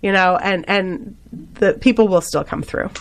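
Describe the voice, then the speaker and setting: Animated, chatty woman with a faint Boston accent. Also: medium pitch, a little slow. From Boston area. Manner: animated chatterbox, laughs often, full of fillers. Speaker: radio show guest. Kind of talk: chatty interview conversation.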